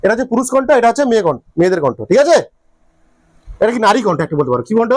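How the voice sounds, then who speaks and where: A man's voice: sits high, very animated, rapid-fire, darkish tone, no echo. A man teaching a physics class, repeating his questions to the students and checking often that they follow. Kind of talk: classroom lecture.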